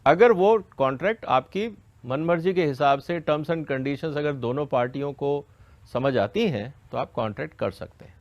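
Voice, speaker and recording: With a slightly high voice at a moderate pace, an expert lays out a law for farmers step by step, in a didactic question-and-answer style that often checks whether listeners follow. The audio is lo-fi and has no room sound.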